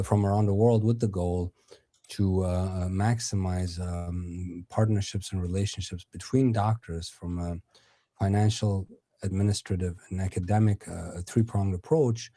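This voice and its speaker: A man's voice: deep voice, dark tone, dry recording. A middle-aged man from Iran, a dentist, answering podcast questions with many fillers and restarts. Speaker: dentist and conference founder.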